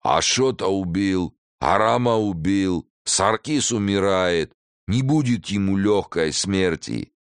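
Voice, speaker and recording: A man voicing a menacing one-armed male bandit chief with a heavy Armenian accent and a bass voice, speaking slowly and vengefully. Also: expressive, clean tone, no echo, exaggerated voice. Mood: grim menace.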